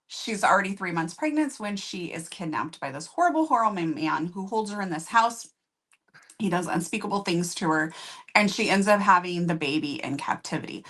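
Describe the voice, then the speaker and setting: A woman's voice: medium pitch, a bit bright. A woman co-hosting a casual book review chat, summing up a plot in a chatty way and laughing easily.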